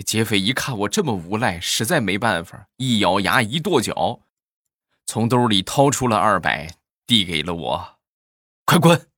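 Low-voiced man telling jokes, lively delivery. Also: normal speed, breathy edge, no room sound. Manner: chatty, storytelling with frequent "啊" tags. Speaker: comic storyteller.

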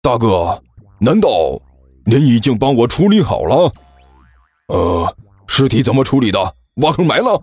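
A man voicing a jittery middle-aged male meat seller who stammers in a shrill, panicky voice for a storybook. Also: very animated, measured pace, a little mellow, husky, no echo, soft background music. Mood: nervous. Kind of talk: storybook narration.

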